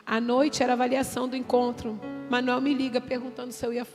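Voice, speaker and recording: A woman's voice: a little high, little pitch movement, fast talker. A Brazilian woman, a pastor's wife, tells her church testimony in an emotional, intense way, with music playing behind her. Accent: Brazilian Portuguese. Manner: emotional, intense storytelling with acted quotes. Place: church hall. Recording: reverberant hall with music behind.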